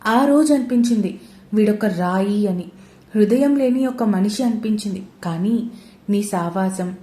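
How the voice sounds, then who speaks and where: A woman's voice: mid-range voice, unhurried, mellow, reverberant, lightly acted. A woman reading the part of a caring elder brother in a spoken romance story. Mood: gentle.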